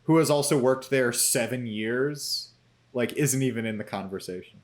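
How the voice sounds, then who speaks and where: A young man in casual podcast chat with his co-hosts. He talks in an animated way, full of quick asides, and drops into playful voices when he quotes a character. His pitch sits in the middle range for a man. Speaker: podcast co-host.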